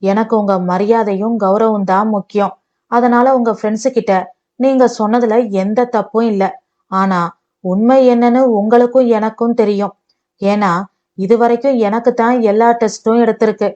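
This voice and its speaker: A woman voicing a patient young wife who speaks calmly and soothingly. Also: a little high, normal speed, lo-fi sound, lightly acted. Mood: pleading. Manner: calm, soothing, pleading.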